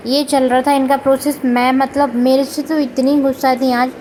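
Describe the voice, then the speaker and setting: A woman's voice: high-pitched, level tone, moderate pace, a little mellow, slight background noise, low-quality recording. A woman who runs a small beauty salon, chatting casually in her vlog and mixing English words into her talk. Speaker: salon owner and vlogger.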